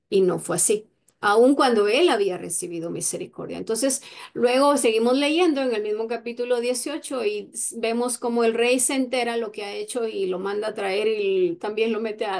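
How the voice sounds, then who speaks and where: A woman's voice: medium pitch, vocal fry, darkish tone. A woman giving an informal Bible teaching in a conversational way, often checking in with her listeners. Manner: conversational, many fillers and "verdad?" tags.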